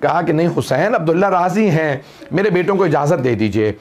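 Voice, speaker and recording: Male cleric, high voice, lamenting majlis recital that climbs into wailing cries. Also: expressive, fairly quick, darkish tone, a little hiss or hum. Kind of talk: mourning sermon narration.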